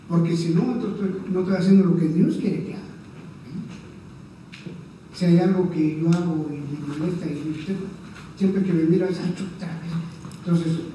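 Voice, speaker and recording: Heard far from the mic in a reverberant church hall, a man with a high-pitched, warm voice delivers an earnest, conversational sermon. He keeps checking in with the congregation, saying "¿verdad?" again and again, and the recording is muffled with slight background noise.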